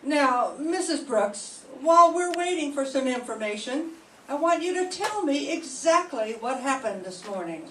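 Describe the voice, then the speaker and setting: Acting heavily in a high voice, an older woman student takes on the role of a cool, astute inspector in an old-time 1940s radio mystery, probing sternly with deliberate questions. The class recording is echoey and faintly hissy, taken from a mic set far away.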